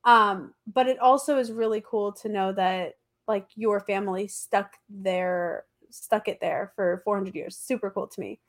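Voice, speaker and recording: A slightly slow, medium-pitched female voice with fairly even intonation carries this casual history storytelling. The host, congested from allergies, keeps things chatty, informal, slangy, and emphatic for her podcast.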